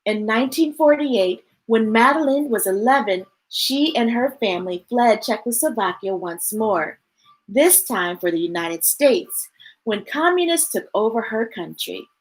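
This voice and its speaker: This woman has a fairly high voice, captured in a rough recording. She is a children's storytime reader, reading picture books aloud to kids and pausing for chatty asides to her viewers.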